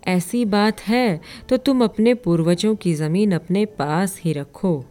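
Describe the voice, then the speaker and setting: A scheming male thief from a storybook tale, greedy and easily fooled, played by a woman narrator. He talks in a slow, sly, mellow way. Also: medium pitch, natural voice.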